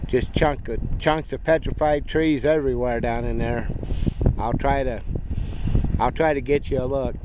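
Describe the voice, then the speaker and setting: An older man narrating a road trip in a relaxed, folksy, chatty way as he drives his RV and stops at overlooks. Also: mid-range voice, moderate pace. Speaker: RV travel vlogger. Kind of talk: casual travel narration. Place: inside an RV driving through desert, and outdoors at overlooks. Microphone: action camera mic. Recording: clear vehicle and wind noise.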